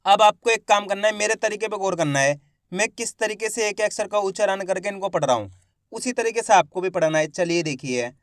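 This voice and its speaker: This Hindi reading teacher speaks in a high-pitched voice with lively intonation. He breaks words into syllables slowly, then says each one whole again, cheering viewers on like friends, all in clean, echo-free studio sound.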